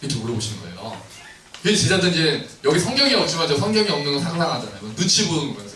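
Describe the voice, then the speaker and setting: Brief: bright-voiced male preacher, playful and questioning, heard from a distance in a reverberant sanctuary. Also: on the high side, big pitch swings, rapid-fire. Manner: playful, questioning, acts out the scripture scenes. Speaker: pastor. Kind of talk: lively sermon to a congregation with children. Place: church sanctuary. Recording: roomy church hall, mic at distance, faint noise.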